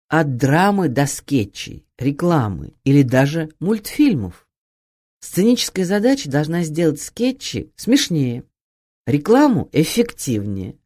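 A woman giving an expressive, emphatic scripted narration of an acting guide, read as an audiobook. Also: low-pitched. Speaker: audiobook reader.

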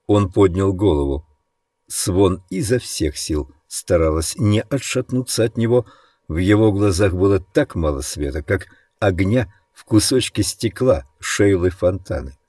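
A man reading a dark novel aloud as a measured, grave audiobook narrator. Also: low voice, breathy edge, no room sound, studio quality. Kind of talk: scripted dramatic narration.

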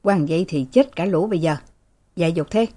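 A woman reading a story, voicing an anxious old manservant who hushes the children. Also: on the low side, brisk, natural voice. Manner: urgent, nervous.

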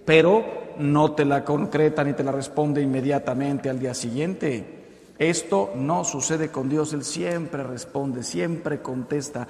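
A Mexican man in his fifties, a priest giving a lively, conversational sermon with acted-out jokes. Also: fairly high pitch, takes it slowly, vocal fry. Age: 50s. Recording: echoey hall reverb.

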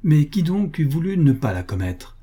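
A man reading the part of a proud young prince in an audiobook, with a light, mocking tone and a husky voice. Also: fairly high pitch, big pitch swings, moderate pace, mellow, voice pushed up. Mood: ironic.

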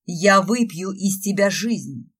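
A woman's voice: on the low side, animated, slow pace. Wicked witch stepmother, read by a woman. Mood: furious. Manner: honeyed then hissing. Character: scheming witch stepmother, sweet-voiced and vicious.

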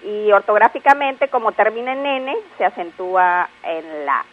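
A woman patiently explaining word usage on a radio language segment, spelling out examples slowly. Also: mid-range voice, expressive, slight background noise. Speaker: language expert guest. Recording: phone-like radio line.

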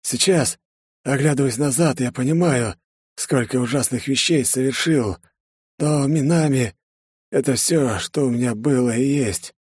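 A man voicing a dying older man in an audiobook, weak and gasping, speaking solemnly in halting phrases. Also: medium pitch, a little mellow, husky, no room sound, voice pushed up. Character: dying older man, former boss, pleading.

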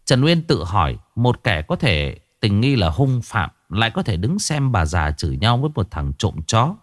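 A man's voice: lowish voice, sing-song, normal speed, no room sound, clean studio sound. A man reading a horror story aloud as a dramatic, vivid storyteller. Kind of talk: scripted horror story narration.

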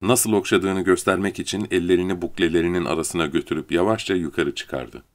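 A man narrating an audiobook in a measured, steady reading manner. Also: sits low. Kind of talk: scripted narration.

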